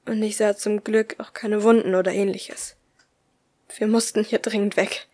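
A woman reading a first-person audiobook aloud in a soft, often hushed voice. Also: medium pitch, little pitch movement, moderate pace. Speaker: audiobook reader.

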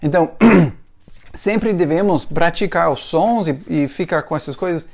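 A man's voice: fairly high pitch, a little slow, darkish tone. A man whose first language is English, teaching pronunciation in a patient, repetitive lesson. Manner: patient, repeats words for drilling.

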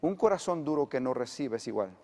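A middle-aged male pastor, preaching emphatically and swinging between loud and hushed delivery. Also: medium pitch, expressive, brisk, long reverb tail. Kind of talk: sermon.

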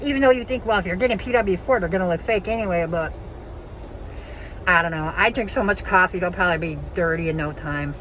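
A woman's voice: on the low side, fast talker, fairly bright tone, poor audio. Woman in her 50s, speaking through a face mask, rambling vlog chat, phone mic outdoors with faint traffic. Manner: chatty, rambling, frank. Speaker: vlogger. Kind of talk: casual vlog update.

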